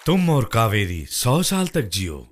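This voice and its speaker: An actor dubbing a calm, gentle old holy man with a gravelly voice. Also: mid-range voice. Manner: slow, gentle. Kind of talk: Hindi-dubbed film acting.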